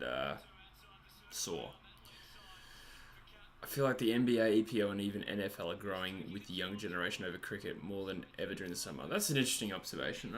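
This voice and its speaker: A man's voice: lowish voice, fairly bright tone. A man in his twenties with an Australian accent, hosting a casual livestream and chatting as he reads out viewer messages. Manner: chatty, rambling, self-deprecating. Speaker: livestream host reading chat. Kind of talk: casual live chat over a cricket match.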